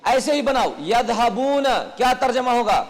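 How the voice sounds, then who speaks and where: A man's voice: extremely high pitch, a little hiss or hum. A male grammar teacher quizzing his class, asking questions, repeating their answers and praising them. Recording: classroom recording with long reverb.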